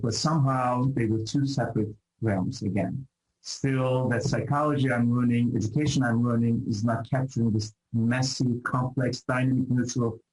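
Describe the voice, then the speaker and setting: A middle-aged Turkish professor with a Turkish accent answers interview questions in a medium-pitched, slightly mellow voice, on poor, reverberant audio. His thoughtful academic replies are hesitant and reflective, full of fillers and restarts.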